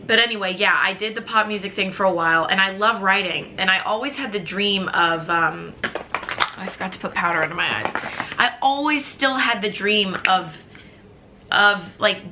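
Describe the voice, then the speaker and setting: Rambling cheerfully to the camera, this woman in her twenties from suburban Chicago fills her vlog with fillers. She has a mid-range voice with a bright, forceful tone, and there's slight noise in the background.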